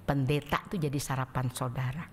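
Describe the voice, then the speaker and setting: A woman evangelist preaching a sermon in a church sanctuary, animated and acting out the people she describes. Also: extremely low pitch, brisk, husky. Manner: animated, acts out quotes, swings loud and soft. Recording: echoey church hall.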